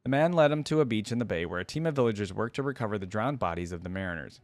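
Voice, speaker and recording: A man with a fairly low voice casually reads story lore aloud for a reaction video, commenting as he goes with lively intonation at a racing pace. The sound is dry, with very little room and no echo.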